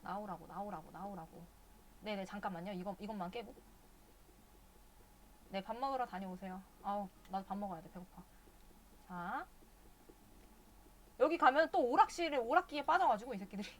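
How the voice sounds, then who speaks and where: A woman's voice: mid-range voice, expressive, moderate pace, long pauses, slight background noise. A woman streaming a video game live, chatting casually and cursing at the characters in exasperation.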